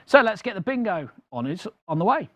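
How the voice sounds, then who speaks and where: A man's voice: high voice, big pitch swings, a little fast, pushed and bright, slight background noise. A man hosting a live game as a bingo caller, announcing numbers in repeated traditional patter.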